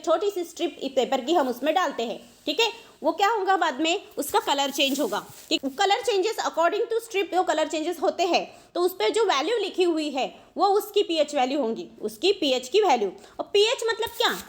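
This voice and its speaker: Female teacher, very high voice, quizzes and answers herself, mixes in English terms. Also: lively intonation, moderate pace. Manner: explains step by step, asks and answers her own questions, mixes English terms. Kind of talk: classroom science lecture.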